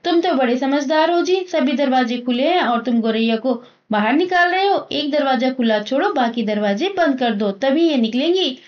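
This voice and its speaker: A woman's voice: high-pitched, lively intonation, normal speed, dull audio. A woman reading a mocking, sarcastic mother. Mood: teasing. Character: teasing, sharp-tongued middle-aged wife and mother.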